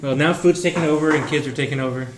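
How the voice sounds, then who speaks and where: A man's voice: on the high side, very fast, noisy background. Laughing male podcast host, roomy sound. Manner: laughing, self-mocking. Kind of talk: casual podcast chat. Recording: roomy echo.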